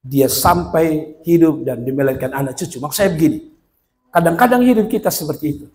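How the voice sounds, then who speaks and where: A male pastor, preaching a sermon that swings from quiet murmurs to loud shouted peaks and acts out the voices in his stories. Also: on the high side, expressive, brisk.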